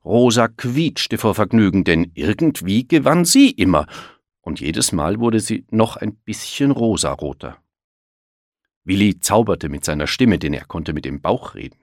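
A man with a very deep voice reading a children's picture book aloud. His pitch moves freely up and down as he tells the story, and the recording is close and dry. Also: unhurried, no echo. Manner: expressive read-aloud storytelling. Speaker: narrator.

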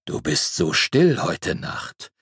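Man voicing a magic flying bear, storybook, very deep, slow and unhurried, gravelly rumble. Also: huge pitch swings, fairly bright tone, no echo, clean studio sound, heavily acted. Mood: gentle concern. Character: deep-voiced calm flying bear rug, male.

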